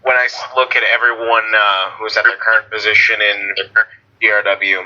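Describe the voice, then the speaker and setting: A man's voice: fairly low pitch, level tone, normal speed, sharp tone. Drawling man in a stoner voice. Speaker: guest. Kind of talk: casual online radio chat. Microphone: video call. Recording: lo-fi call audio.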